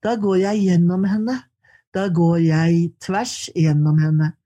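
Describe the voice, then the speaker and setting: A woman reading her poetry aloud in slow, measured lines, then answering questions in conversation. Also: fairly low pitch, fairly even intonation, warm tone. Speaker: poet and guest.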